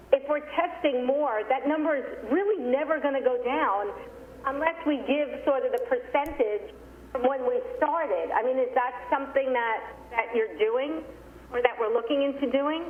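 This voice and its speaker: A woman's voice: high voice, long reverb tail. A woman county supervisor calling into a meeting on a crackly speakerphone that fades in and out, asking pressing questions. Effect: crackly speakerphone call, fading in and out. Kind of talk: meeting discussion by phone. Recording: tinny phone line with faint hiss.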